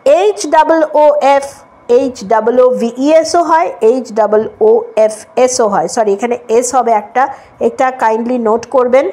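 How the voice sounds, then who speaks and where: A woman's voice: fairly high pitch, moderate pace, mellow. A woman teaching an English lesson, spelling words out letter by letter and often checking that students follow. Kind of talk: Bengali-language English lesson.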